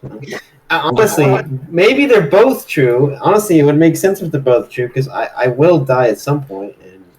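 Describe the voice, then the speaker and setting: A man's voice: a little high, very animated, normal speed, a crowd in the background, rough recording. A man playing a tabletop game, chatting casually in a hesitant, musing way. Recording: clear background ambient noise.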